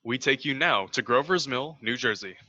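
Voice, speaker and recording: A man's voice: mid-range voice, expressive, normal speed, music in the background, lightly acted. A young man playing a formal radio news announcer, reading a scripted bulletin and sometimes stumbling. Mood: formal, serious. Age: young adult. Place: home room, indoors. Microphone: headset boom mic. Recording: dull lo-fi headset audio.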